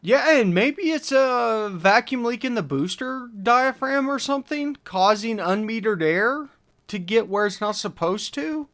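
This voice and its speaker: A man hosts a laid-back livestream, reading chat questions about engine tuning and talking his way through replies with many fillers. His voice is very high-pitched and expressive, fairly bright, and measured in pace.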